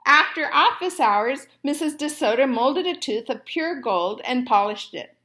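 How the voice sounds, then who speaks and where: A woman storyteller and teacher reading aloud to children expressively, with deliberate phrasing. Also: high voice, animated, pushed and bright.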